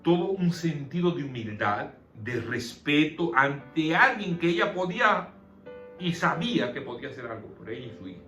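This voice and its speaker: Man, Bible study leader, explanatory, asks questions, somewhat high voice, echoey room, soft background music. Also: big pitch swings, moderate pace. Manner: explains and poses questions to listeners. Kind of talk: conversational Bible study teaching.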